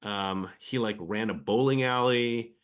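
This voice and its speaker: This Philippine-born venture capital guest on an interview podcast has an American accent and a bright, forceful voice pitched slightly low. Reflective in manner, he stacks up fillers and restarts. His delivery is smooth and measured in pace.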